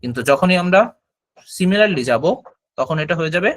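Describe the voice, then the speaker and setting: A man leads a classroom lesson on Chinese tones. His voice sits a little high for a man, and he explains patiently, saying syllables aloud for the students to copy. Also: lively intonation, moderate pace. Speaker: Chinese language teacher.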